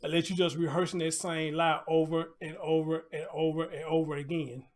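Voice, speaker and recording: Fairly high in pitch, level in tone and quick, this American man runs a casual live commentary show. His talk is conversational, peppered with preacherly asides, repetition and rhetorical questions.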